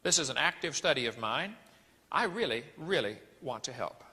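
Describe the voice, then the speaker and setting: Man, middle-aged, preachy lecture, animated, rhetorical questions, bright edgy tone, long hall reverb. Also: medium pitch, moderate pace, breathy edge. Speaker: creationist ministry speaker. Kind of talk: lecture-style sermon to an audience.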